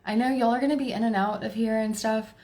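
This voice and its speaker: A woman's voice: a little high, fairly even intonation, fast talker, a little mellow. A woman in her forties with a Texan accent, hosting a casual tarot livestream, chatty and laughing as she talks to her viewers and to herself. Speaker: tarot reader livestream host.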